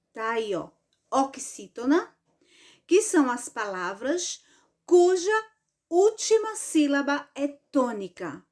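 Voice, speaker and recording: A woman teaching an online grammar lesson for children, speaking in a drawn-out, sing-song way and often checking with "right?". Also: high-pitched.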